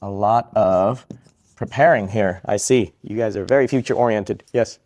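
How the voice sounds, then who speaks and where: At a normal speed, a man with a lowish, darkish voice holds a live Q&A with students. He is a psychiatrist from Vietnam, upbeat and given to jokes, and he echoes every question back.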